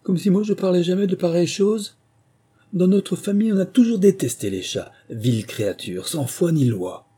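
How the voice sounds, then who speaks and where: A man voicing an angry, trembling small mouse in a storybook, with a shrill indignant tone. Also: lively intonation, normal speed, mellow, breathy edge.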